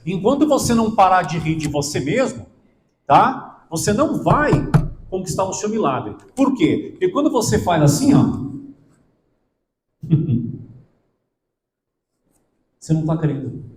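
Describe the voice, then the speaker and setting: A man preaching in a church hall, his fairly high voice swinging widely as he presses his point. He keeps checking in with the congregation, and the room echoes around him with a faint hum behind. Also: sing-song, normal speed. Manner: emphatic, asks the congregation questions. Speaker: pastor. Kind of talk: sermon.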